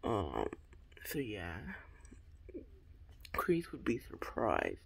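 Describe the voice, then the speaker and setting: A young man talks through a fan theory in an unhurried, rambling way. His voice has a gravelly, fried texture at a middling pitch, and he keeps stopping to say um and to start his sentences over. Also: wildly swooping pitch. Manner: hesitant, many ums and restarts.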